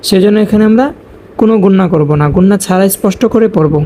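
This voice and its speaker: A woman teaching Quran recitation, spelling out each letter and vowel mark deliberately and chanting verses in long, drawn-out tones. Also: mid-range voice, dark tone, slight background noise.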